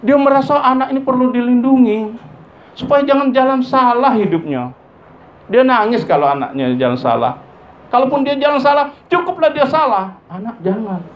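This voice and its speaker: A man giving a sermon, his voice jumping high for emphasis as he acts out everyday family dialogue. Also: normal speed. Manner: lively pitch leaps, acts out dialogue of parents and children. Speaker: preacher. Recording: dull lo-fi recording with faint ambient noise.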